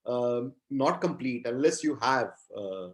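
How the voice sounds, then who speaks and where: A man in his fifties whose first language is Gujarati answers conversational interview questions as a guest who is a poet and entrepreneur. He is halting and reflective, repeating phrases, with a mid-range, animated voice.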